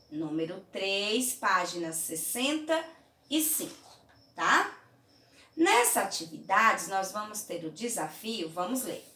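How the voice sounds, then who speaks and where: A woman teaching young children in a remote lesson, from Brazil, patient and clear, often checking in with "tá?" and "certinho?". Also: mid-range voice, a bit bright, distant mic. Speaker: primary school teacher. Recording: roomy echo, mic held away.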